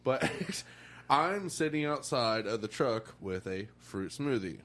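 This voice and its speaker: A man's voice: medium pitch, expressive, takes it slowly, a bit bright, slight background noise. Frat-bro guy telling sweary stories. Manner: frat-bro storyteller, slangy, sweary, acting out quotes. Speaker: reality show contestant. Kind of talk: casual anecdote telling.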